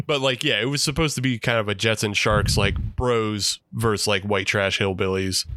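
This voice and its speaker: Moderate pace, lowish male voice, clean studio audio with no echo. The speaker, a Pennsylvania podcast co-host, casually reminisces about the student film he once made, relaxed and meandering, with plenty of fillers and laughs.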